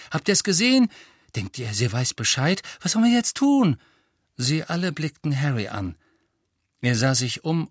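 Expressive male audiobook narrator, mid pitch, dry close studio sound. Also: dry recording. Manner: lively, expressive reading. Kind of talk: scripted narration.

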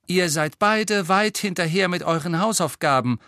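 A man's voice: high voice, normal speed, no room sound, studio quality, voice pushed up. A man voicing an earnest, bookish teenage witch girl in an audiobook reading, lecturing and anxious. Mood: stern. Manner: earnest, lecturing, hushed when worried.

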